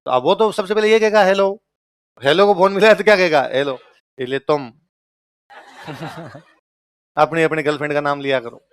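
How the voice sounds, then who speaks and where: A young teacher from Churu, Rajasthan, with a Rajasthani accent, gives a lively, jokey classroom lecture and quizzes his students. His voice is a little high, clear and resonant, at normal speed with frequent pauses, recorded at studio quality with no echo.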